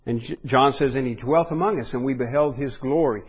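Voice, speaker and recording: A man's voice: mid-range voice, a little fast, husky, dull audio. A man preaching a sermon in an earnest way, often restarting and rising in force when he stresses a point.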